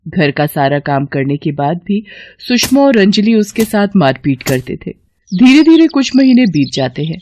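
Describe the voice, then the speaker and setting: A woman narrating an animated moral story in a steady, plain storytelling manner. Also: deep voice.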